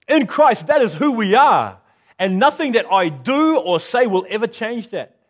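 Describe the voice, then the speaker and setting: Male pastor, middle-aged, high voice, earnest sermon, loud then hushed. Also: big pitch swings, normal speed. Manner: earnest and self-deprecating, swinging from loud to hushed.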